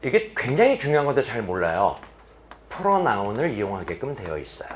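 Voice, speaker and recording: In a boarding academy classroom, a man with a mid-range voice gives an English reading lecture at a fairly quick clip, posing questions to his students and answering them himself. He sounds animated but drops sharply into quiet emphasis, and there's a little hiss or hum on the recording.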